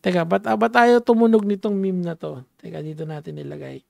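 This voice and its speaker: A man's voice: high voice, steady tone, brisk, vocal fry, darkish tone, no echo. A man giving casual commentary, chatty and full of fillers and restarts, switching back and forth between languages. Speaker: commentary vlogger.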